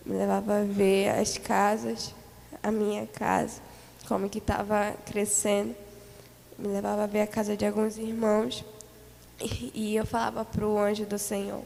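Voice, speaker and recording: A Brazilian woman recounts a vision in an earnest, repetitive way, her voice a little gravelly and her pitch kept flat. She speaks in a church hall with a long echo and faint background hiss. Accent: Brazilian Portuguese. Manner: earnest, repetitive storytelling with many fillers. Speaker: church member giving testimony. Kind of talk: spoken testimony of a vision.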